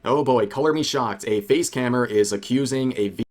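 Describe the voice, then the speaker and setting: A man's voice: mid-range voice, moderate pace. A man narrating a commentary video as an online drama commentator.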